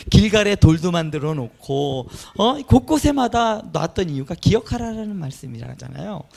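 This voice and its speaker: A man preaching an Easter sermon as a pastor, speaking with lively emphasis that climbs to high, forceful peaks. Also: creaky. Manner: animated preaching, rising to emphatic highs.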